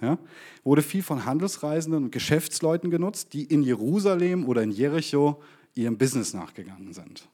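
Animated man preaching a sermon. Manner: animated, rhetorical questions to the congregation; reads scripture in a slower, lower voice.

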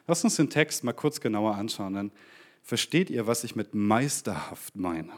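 A man preaching a sermon, addressing his congregation with rhetorical questions and reading the scripture passage in a slower, lower voice. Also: expressive.

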